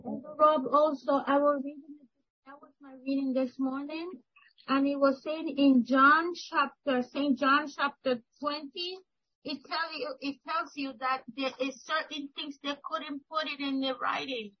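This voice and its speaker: A woman at a church meeting who talks eagerly and excitedly about a Bible reading. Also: high voice, unhurried, no echo. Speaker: church member. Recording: dry, dull lo-fi recording.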